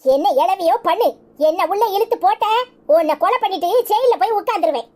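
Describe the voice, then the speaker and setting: A woman playing a sharp-tongued older village sister, scolding and mocking in a Kanyakumari Tamil accent. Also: very high-pitched, animated, fairly quick. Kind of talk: village comedy serial acting.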